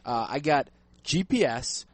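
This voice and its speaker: A New man co-hosts a loose radio talk show in a studio, bantering and joking with his friends. He speaks into a headphone mic at a middling pitch. He sounds animated and easygoing. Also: a little slow, dry recording. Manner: animated, joking, says dude a lot. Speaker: radio co-host.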